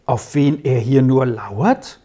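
A woman doing a calm lady companion. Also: extremely low pitch, slow, husky, pitched below the performer's own voice, full character voice.

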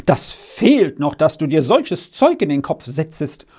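A man's voice: a little high, big pitch swings, measured pace, warm tone, breathy edge, exaggerated voice. A man voicing a worried, scolding peasant mother who laments in a raised voice. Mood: lamenting. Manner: urgent, lamenting.

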